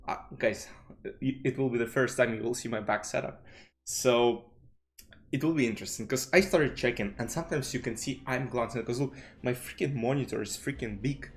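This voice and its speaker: Speaking at a medium pitch, this Russian-speaking chess streamer chats in a rambling way, with lots of "you know" and restarts. It's a casual commentary vlog recorded at his home streaming desk on a desk mic with a webcam.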